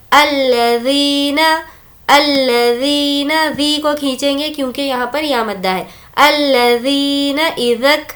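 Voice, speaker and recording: A woman teaching tajweed, reciting Quranic words slowly and drawn out, then explaining each rule in plain Hindi-Urdu speech. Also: sits high, a bit bright. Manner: slow drawn-out recitation between quick explanations. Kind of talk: word-by-word recitation lesson.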